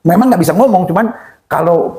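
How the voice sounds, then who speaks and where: A male pastor recounts a story as an interview guest, talking quickly with plenty of exclamations. His voice sits a little high and carries a gravelly, fry-tinged edge. He races through some phrases and drags out others for effect. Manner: excitable, exclaims often, speeds up and slows down for effect. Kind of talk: animated storytelling in a conversational interview.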